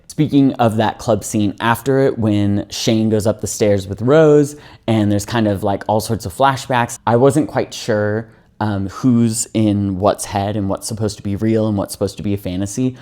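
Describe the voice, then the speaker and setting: A man with a lowish voice talks through a TV series in a loose, conversational way. He fills his sentences with "like" and thinks out loud as he goes, in the easy manner of a casual video review. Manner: chatty, full of "like" fillers, thinks aloud. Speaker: TV show reviewer.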